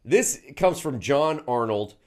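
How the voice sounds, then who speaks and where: A man's voice: mid-range voice, slow pace. A man, co-hosting a casual podcast chat and laughing often. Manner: animated, laughs often, drawls. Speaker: podcast co-host.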